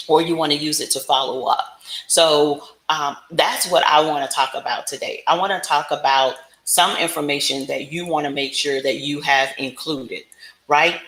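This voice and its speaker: A business coach presents a livestream, giving casual instruction and often checking in with tags like "right?". Her low voice has a fairly bright tone, and the room sounds roomy and echoing.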